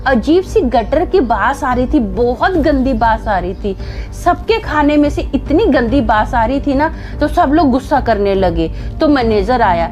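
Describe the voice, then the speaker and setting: A woman's voice: high voice, expressive, measured pace, lo-fi sound, over music. A woman telling a story in a casual, chatty way, laughing at it as she goes. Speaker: storyteller vlogger.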